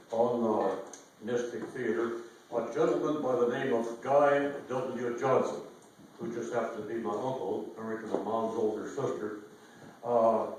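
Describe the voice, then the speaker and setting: An older American man hosting an event, telling local history in a folksy, halting, informal way to a live audience. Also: medium pitch, a little mellow, a little hiss or hum. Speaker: host. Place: inside an old theater, amplified to an audience. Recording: echoey theater hall, distant microphone.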